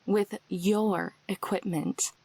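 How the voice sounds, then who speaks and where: A slow, deadpan young woman. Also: mid-range voice, vocal fry, breathy edge, no room sound, heavily acted. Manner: deadpan and unhurried. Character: dry, self-assured young woman, unflappable. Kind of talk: game voice acting.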